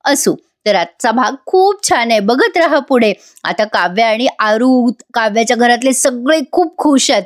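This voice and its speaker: A woman with a fairly high voice narrates a TV serial episode in a chatty voice-over recap. She talks straight to her viewers as she goes through the scenes. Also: animated, normal speed, hardly any pauses, dry recording, clean studio sound. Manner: chatty, addresses viewers directly. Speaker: TV serial reviewer.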